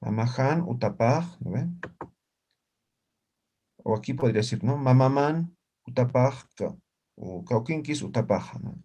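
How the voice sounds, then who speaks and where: Patient male teacher, mellow voice. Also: medium pitch, animated. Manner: patient, spells out words slowly, asks "¿no ve?" often. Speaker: language teacher. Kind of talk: live online class.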